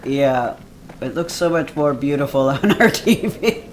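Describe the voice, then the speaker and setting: A man co-hosting a let's play, chatting casually and relaxed while the game runs. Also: medium pitch, a little slow, rough recording. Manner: relaxed, chatty, trailing off with fillers. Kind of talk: casual gameplay chat. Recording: loud background noise.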